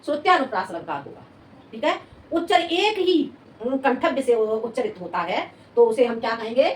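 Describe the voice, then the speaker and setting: A woman teaching a Hindi grammar class, repeating words slowly as she dictates notes and asking her students rhetorical questions. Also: fairly high pitch, big pitch swings. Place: coaching classroom. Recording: echoey room, mic at a distance, faint noise.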